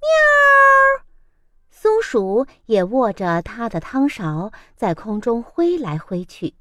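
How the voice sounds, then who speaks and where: A woman reading a children's picture book aloud, slow and gently dramatic as she tells the tale. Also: medium pitch, lively intonation, no room sound, studio quality. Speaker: storyteller.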